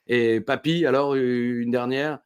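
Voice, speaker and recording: A man's voice: medium pitch, steady tone, measured pace, clear, resonant tone. A man hosting a podcast in casual banter, teasing dryly with many fillers. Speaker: podcast host.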